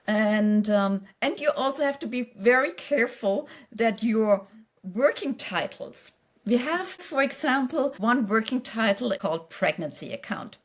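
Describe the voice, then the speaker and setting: She's a non-native English speaker answering a podcast interviewer's questions conversationally in her role as a company executive. Her fairly high voice is animated yet unhurried.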